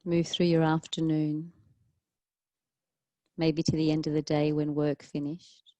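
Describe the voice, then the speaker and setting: Working as a yoga teacher, a woman guides a relaxation class with gentle instructions separated by long pauses. Her low voice is soft-edged and mellow, her delivery calm and soothing. The audio is close and very dry, carrying no room sound.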